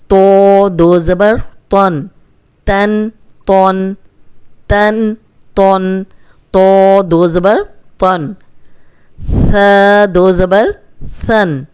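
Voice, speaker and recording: Woman, recitation teacher, patient repetitive drilling, smooth voice, lowish pitch. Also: darkish tone. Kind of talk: slow spelled-out phonics lesson.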